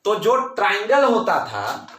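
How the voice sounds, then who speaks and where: A male teacher with a high, bright voice explains things slowly and deliberately. He repeats his key points with emphasis and slips English terms into his Hindi. The recording has a noticeable room echo. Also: wildly swooping pitch. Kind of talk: classroom lecture.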